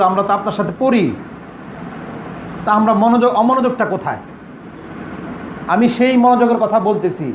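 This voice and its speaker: Male recitation teacher, high voice, patient syllable drills, echoey room with crowd noise. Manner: drills sounds, repeats syllables, checks understanding. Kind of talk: Quran pronunciation class.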